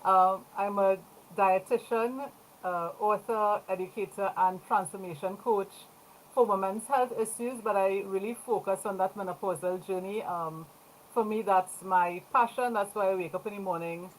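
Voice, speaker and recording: A woman's voice: mid-range voice, fairly even intonation, normal speed, slight background noise, rough recording. A woman from Trinidad and Tobago who is a dietitian, introducing herself on a video call in a friendly, plain-spoken way. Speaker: dietitian and coach. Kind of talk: casual self-introduction.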